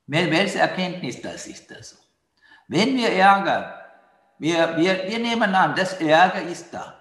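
Slow-speaking man teaching in an echoey hall. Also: sits high, big pitch swings, a bit bright, a little hiss or hum. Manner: patient, repeats key phrases to explain. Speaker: meditation teacher. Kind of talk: dharma talk on mindfulness. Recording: roomy hall with long reverb.

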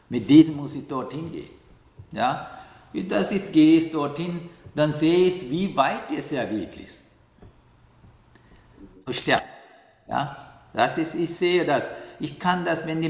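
Slow, halting man in an echoey room. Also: mid-range voice. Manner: halting, searching for words, frequent questioning "ja?". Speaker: meditation teacher who accompanies the dying. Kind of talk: calm reflective interview answer. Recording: echoey room with long reverb.

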